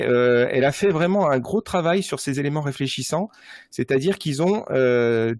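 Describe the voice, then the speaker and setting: A man's voice: mid-range voice, a little mellow, no echo, studio quality. Hesitant man explaining running gear. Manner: explanatory, many hesitations and restarts. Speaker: running gear expert guest. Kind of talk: casual podcast conversation.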